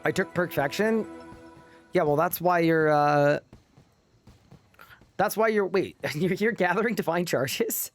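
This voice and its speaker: A man's voice: sits high, measured pace, long pauses, soft background music. A sleep-deprived man streaming a game live, chatting casually and reading his chat aloud.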